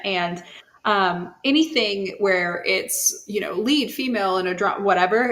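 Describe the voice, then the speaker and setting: Woman host, relaxed rambling chat, mid pitch, lots of "you know". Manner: rambling, many fillers. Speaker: podcast host. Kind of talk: casual chat.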